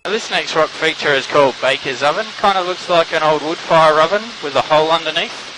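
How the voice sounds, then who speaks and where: A man's voice: on the high side, fairly quick. A man gives informative sightseeing commentary as a helicopter pilot and tour guide, pointing out landmarks. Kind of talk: tour commentary over a headset. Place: inside a flying helicopter. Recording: loud helicopter engine noise over intercom.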